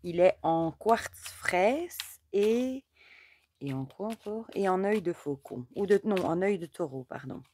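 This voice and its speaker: Hoarse lady, lowish voice, rambly chatty card reading with lots of fillers. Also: lively intonation, a little slow, warm tone, slight background noise. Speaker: oracle card reader, channel host; mother. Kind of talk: casual chat during a card reading.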